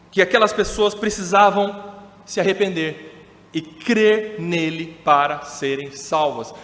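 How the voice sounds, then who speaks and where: Brazilian preacher guy, kinda high voice, slow emphatic sermon, big churchy reverb. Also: a bit bright. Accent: Brazilian Portuguese. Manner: measured, emphatic preaching with slow drawn-out quotations. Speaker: pastor. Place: church hall. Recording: echoey church hall.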